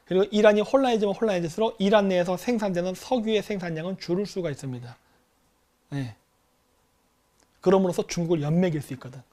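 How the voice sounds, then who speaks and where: A man's voice: high-pitched, a little mellow. A middle-aged man hosting a commentary show, lecturing animatedly and acting out quoted exchanges between countries. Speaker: host.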